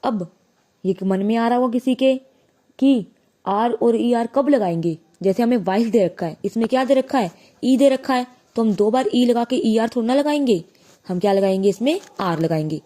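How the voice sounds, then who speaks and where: A woman teaching a grammar lesson, slowly explaining and asking and answering her own questions. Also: on the high side, animated, warm tone.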